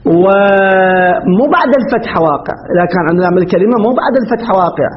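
A man teaching grammar, explaining slowly and asking the class questions he answers himself. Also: high-pitched. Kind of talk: classroom lecture on Arabic grammar. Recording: dull lo-fi recording.

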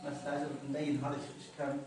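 Male teacher, slightly high voice, methodical lesson delivery, distant mic with faint hiss. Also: completely flat delivery, rapid-fire. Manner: explaining step by step, repeating words, pointing at text. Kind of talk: Arabic grammar lesson. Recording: echoey room, distant mic, faint noise.

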